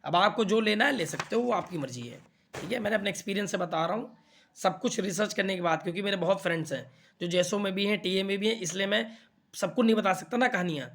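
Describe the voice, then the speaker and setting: A young man coaches exam students in a casual, chatty explainer, often repeating "theek hai na" to make sure they follow. His voice is high, quick, and gravelly, with a fairly bright tone.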